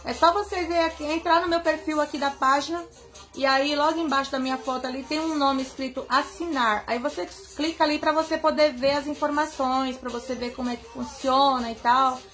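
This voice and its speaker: A high-voiced young woman from Bahia, Brazil, a singer, chats live from her bed in an indoor bedroom. Her delivery is brisk and steady with a fairly bright tone, and she's chatty and affectionate, greeting viewers by name into a phone camera held at arm's length.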